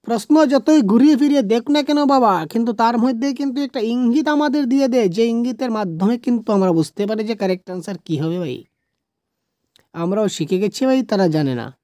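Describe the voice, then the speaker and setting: A woman teaching an exam-prep lesson to camera in an animated, coaxing way. She keeps asking viewers to comment and mixes English phrases into her talk. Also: a little high, fairly quick, no echo, clean studio sound. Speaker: teacher solving exam questions.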